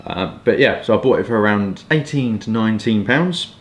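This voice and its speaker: A man's voice: fairly low pitch, expressive, normal speed. A man in his twenties with a southern English accent, chatting casually and rambling through hedging asides as a review vlogger. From southeast England. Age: 20s. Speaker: pipe and cigar review vlogger. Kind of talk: casual chat. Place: small furnished room at home, indoors. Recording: roomy echo, some background noise.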